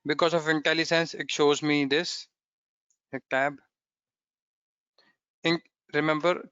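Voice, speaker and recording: Man, programming tutorial, bright crisp voice, slightly dull dry recording, step-by-step explaining. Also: fairly high pitch, dry recording. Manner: explains step by step, often checking with "okay?". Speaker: programming instructor. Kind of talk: screen-recorded coding tutorial.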